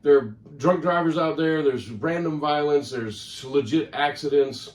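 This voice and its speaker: A man's voice: a little high, a little slow. A man vlogging casually about his record collection, chatty and rambling, often correcting himself. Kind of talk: casual talk to camera. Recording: roomy sound, mic at a distance.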